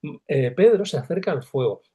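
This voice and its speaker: A man, a literature professor from Spain, lecturing over a video call and acting out the quoted lines with big jumps in pitch. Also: fairly quick, slightly rough. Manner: animated, acts out quoted dialogue with sudden pitch jumps.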